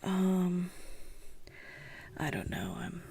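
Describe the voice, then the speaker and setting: A young woman hosting a writing vlog, speaking mostly in a soft whisper as she reads her old prose aloud. She sounds sleepy and keeps yawning. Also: fairly low pitch, very animated, very slow, creaky, slight background noise. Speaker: writing channel host.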